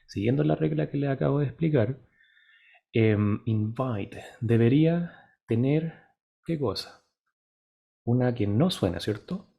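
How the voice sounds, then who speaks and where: A male teacher explaining a lesson patiently, slowly modeling English words and often checking in with his students. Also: mid-range voice, vocal fry, slightly rough, highs cut off.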